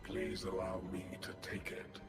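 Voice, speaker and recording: A deep, flat, echoing male voice plays a solemn giant guardian mech in a video game, dutiful and slowly learning feeling, unhurried and formal, resolute in mood. He speaks in formal robotic phrasing, announcing clipped one-word headers before statements, with game music beneath a cavernous echo.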